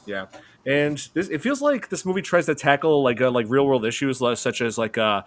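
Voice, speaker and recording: A man's voice: medium pitch, animated, brisk. A man hosting a horror movie podcast, talking casually and rambling with many hesitations. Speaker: podcast host. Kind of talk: casual chat.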